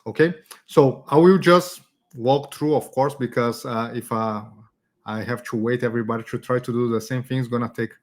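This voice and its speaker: Chatty Brazilian-raised man hosting workshop. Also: mid-range voice. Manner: chatty, many fillers and "okay?" tags. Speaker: community event host teaching design. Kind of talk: casual live online workshop.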